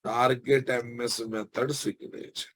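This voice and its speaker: Telugu-accented man teaching software, often repeating himself. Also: medium pitch, steady tone, a little slow. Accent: Telugu Indian. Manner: repeats phrases and checks understanding with tag questions. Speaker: software instructor. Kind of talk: informal technical lecture.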